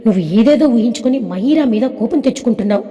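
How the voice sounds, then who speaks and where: A woman's voice: fairly high pitch, fast, warm tone, natural voice. A woman voicing a blunt young man who scolds his friend and argues with his mother, in a storybook reading. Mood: stern scolding. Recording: echoey reverb.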